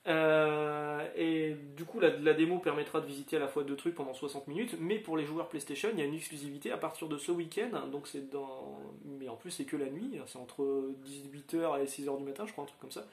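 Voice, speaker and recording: A man's voice: a little high, fairly quick, few pauses. Male host, casual rambling chat, slightly raised voice, echoey room. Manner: rambling, chatty, many fillers and restarts. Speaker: channel host.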